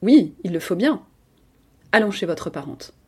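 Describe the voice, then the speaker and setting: A woman reading aloud and voicing a calm, assured male doctor who hypnotizes a patient, speaking in a commanding tone. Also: on the low side, a little slow, husky, full character voice.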